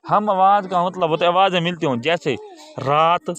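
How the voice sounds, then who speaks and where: A man's voice: high-pitched, moderate pace, fairly bright tone. A man teaching a recorded lesson to young children, patient, repeating key words and asking quiz questions.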